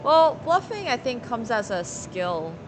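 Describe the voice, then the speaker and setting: A woman's voice: fairly high pitch, big pitch swings, measured pace, background noise. A woman from Finland live streaming casually, thinking aloud in rambling fragments as she plays and chats with viewers. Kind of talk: casual chat while playing poker, answering viewers.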